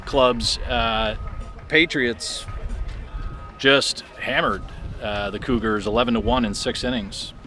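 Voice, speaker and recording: Chatty man calling a baseball game. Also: mid-range voice. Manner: chatty, self-deprecating, jokes with co-host. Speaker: play-by-play announcer. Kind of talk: high school baseball commentary.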